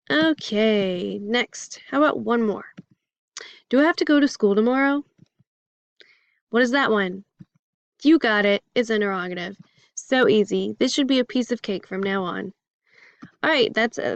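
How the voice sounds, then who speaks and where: A woman's voice: medium pitch, vocal fry, no room sound, muffled recording. Chatty woman explaining a grammar lesson. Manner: chatty, upbeat, fillers and jokey examples. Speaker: teacher.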